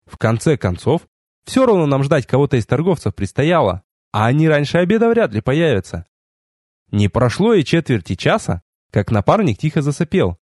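A man reading a first-person audiobook in a wry, expressive way with sardonic asides. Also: on the high side, moderate pace, no room sound, clean studio sound. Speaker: audiobook narrator.

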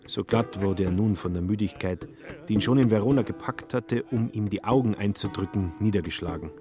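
Low-voiced man narrating a radio play. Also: over music. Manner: measured, vivid storytelling.

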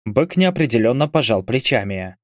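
A man narrating an audiobook in a steady storytelling manner. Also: medium pitch, normal speed, no echo, clean studio sound.

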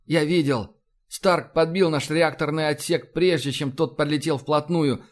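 A man reading an audiobook, voicing a gruff male starship crewman who reports in a gloomy tone. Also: on the high side, fairly even intonation, unhurried, close to an everyday voice.

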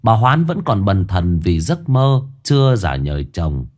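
A man narrating a ghost story in a measured, expressive way. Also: low voice.

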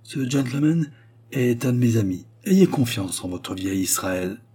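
A man voicing a humble, secretive old man who speaks gravely and with respect. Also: medium pitch, expressive, unhurried, mellow.

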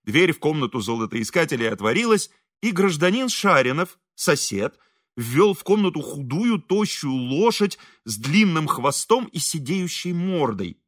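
A man narrating an audiobook in a lively, expressive way. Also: fairly high pitch, normal speed, no echo, studio quality. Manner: lively, expressive, voices characters. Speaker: audiobook reader.

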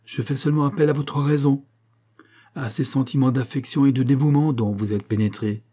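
A man voicing a steady, grave adult guide who gives measured counsel in a husky, dark voice. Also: mid-range voice, voice pushed up, natural voice. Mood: pleading.

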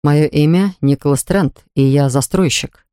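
In a dry, close studio recording, a narrator reads as a calm, businesslike male property developer, keeping his voice lowered. The pace is a little slow and the tone smooth, close to ordinary speech.

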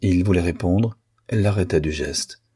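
Man, audiobook narrator, very low pitch, husky, measured literary reading. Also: warm tone. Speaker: audiobook reader.

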